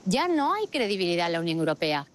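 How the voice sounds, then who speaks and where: Fast and sing-song, with a voice on the low side, a woman host delivers argumentative political commentary. She drives her points home with rhetorical questions and repeats phrases for emphasis.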